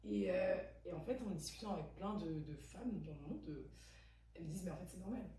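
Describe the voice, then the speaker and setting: A woman's voice: fairly low pitch, a little fast, warm tone. Chatty young woman hosting a podcast. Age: 20s. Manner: chatty, emphatic, asks probing questions. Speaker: podcast host. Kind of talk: casual conversation. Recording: echoey room, distant mic, faint hum.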